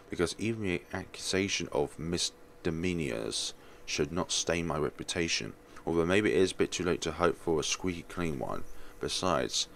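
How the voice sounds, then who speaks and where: A man's voice: deep voice, gravelly, a little hiss or hum. A man voicing a fussy, vain, sardonic rich man from a visual novel in a theatrical, pompous grumble. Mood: haughty, grumbling.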